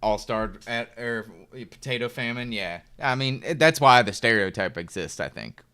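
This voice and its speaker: A man's voice: mid-range voice, lively intonation, normal speed, bright, forceful tone, smooth. A young man chatting casually on a chess stream, rambling and laid-back with lots of fillers. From United States. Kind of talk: casual live-stream chat. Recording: faint music behind.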